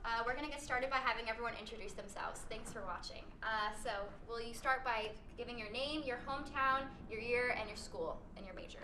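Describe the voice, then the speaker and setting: Young female moderator, eager and friendly, brisk delivery, bright tone. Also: fairly high pitch, slight background noise. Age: young adult. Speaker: panel moderator. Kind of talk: upbeat panel introduction.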